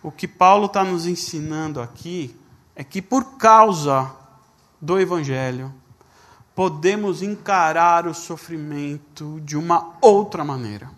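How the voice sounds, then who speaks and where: A man preaching a sermon as a pastor, reading scripture slowly and telling stories with voiced dialogue. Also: on the high side, fairly bright tone. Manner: storytelling with quoted dialogue.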